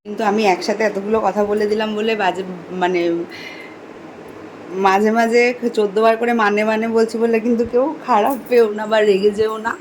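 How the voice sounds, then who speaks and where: A young woman vlogger talking casually and quickly about her day, chatty and excited. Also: mid-range voice, a little hiss or hum, low-quality recording. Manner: fast, chatty talker. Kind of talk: casual daily vlog talk.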